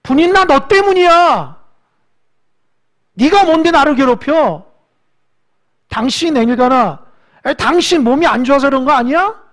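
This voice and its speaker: A preacher acting out Hannah, a grieving childless woman, in a tearful, pleading voice that drops to a hush at times. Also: high voice, expressive, unhurried, long pauses, voice pushed up. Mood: bitter.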